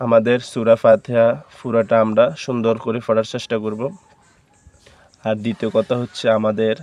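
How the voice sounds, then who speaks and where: A man with a Bangladeshi Bengali accent teaching Quran reading, spelling out each letter and vowel mark one by one, then reciting the words slowly and drawn out. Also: lowish voice, completely flat delivery, a little mellow.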